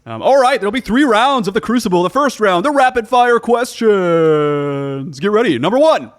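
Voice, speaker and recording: A man's voice: high-pitched, animated, normal speed, pitched above the performer's own voice. A man voicing a goat-headed ringmaster as a theatrical fighting game style announcer, grandly running a deadly contest in a tabletop game. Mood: commanding, menacing.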